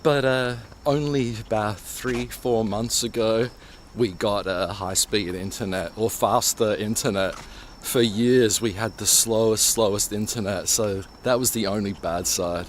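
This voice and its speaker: Born in Hong Kong and raised in Australia, a man live-streams a nighttime walk along rural roads, chatting casually over a mobile streaming rig. His tone is steady and a little slow with slight background noise, and he's easygoing and chatty, switching to a high voice when he talks to cats.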